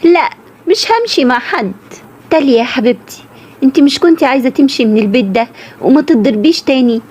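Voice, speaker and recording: A woman's voice: high-pitched, expressive, fast, darkish tone, husky. A young woman voicing frightened teenage sisters forced into marriage, speaking anxiously with an Egyptian accent. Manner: pleading, anxious. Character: frightened young sisters, nineteen-year-old girls.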